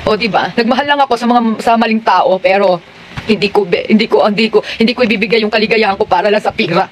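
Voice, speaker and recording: Quick, rambling woman talking to followers. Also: mid-range voice, slight background noise, poor audio. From Philippines. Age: adult with daughters. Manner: confessional, repeatedly calls the viewers "Dabarkads"; rambling with many restarts. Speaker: online seller and vlogger. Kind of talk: heartfelt talk to followers.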